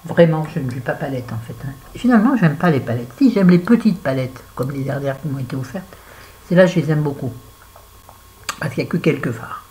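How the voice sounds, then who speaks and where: In this low-quality clip, a French woman with a low, dark voice talks quickly with lively intonation. She's a beauty vlogger doing a make-up tutorial, chatting to her audience and talking to herself as she goes.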